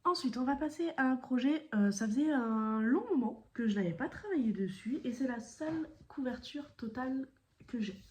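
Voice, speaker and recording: A woman's voice: high-pitched, lively intonation, moderate pace, a little mellow. A woman chatting casually about her cross-stitch projects, rambling with many fillers and self-corrections, sometimes dropping to a whisper. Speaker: cross-stitch video creator.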